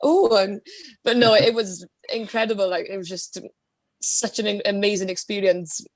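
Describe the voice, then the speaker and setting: On a video call from a small indoor room at home, a guest DJ in her twenties with a Valleys accent from Wales chats informally and shares anecdotes. Her mid-range voice keeps fairly even intonation at normal speed, with no room sound.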